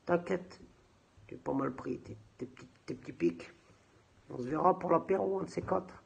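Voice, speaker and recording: A man's voice: fairly high pitch, moderate pace, gravelly, a little mellow, slight background noise. A man leaving a comedic video message in character as a rapper, rambling and stammering in slangy speech.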